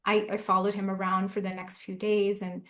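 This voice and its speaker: Guest: woman in her forties, mid-pitched chaplain, earnest and reflective. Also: completely flat delivery, a little fast, a bit bright. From Southern California. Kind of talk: casual interview talk.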